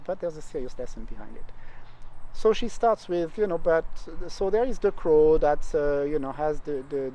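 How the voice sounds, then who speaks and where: Guy chatting about a poem like a scholar, kinda highish voice, gets excited telling stories, faint street noise behind. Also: low-quality recording. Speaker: literary scholar. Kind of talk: conversational literary discussion.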